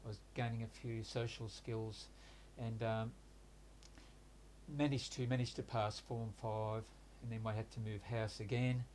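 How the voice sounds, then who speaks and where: A faint hiss or hum sits beneath the lowish, flat, even voice of an older man recounting his life. In his sixties, he was born in Hungary, raised in Australia, and speaks Hungarian as his first language. His manner in this reflective interview is halting and hesitant, with many pauses and restarts.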